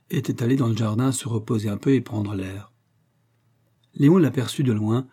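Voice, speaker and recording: A man narrating a novel as an audiobook, steady and measured. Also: lowish voice, breathy edge. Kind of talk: novel reading.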